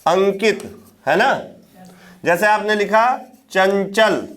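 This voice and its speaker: A man giving a classroom lecture on Hindi grammar. He asks the class questions, answers them himself, and repeats words slowly to demonstrate how they sound. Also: sits high, a bit bright. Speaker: teacher.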